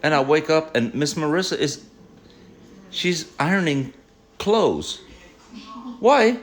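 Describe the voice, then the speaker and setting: A man's voice: a little high, sing-song, slow. Man, middle-aged, casual home vlog, rambling, joking, repetitive. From United States. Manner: rambling, joking, repeats himself. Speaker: vlogger.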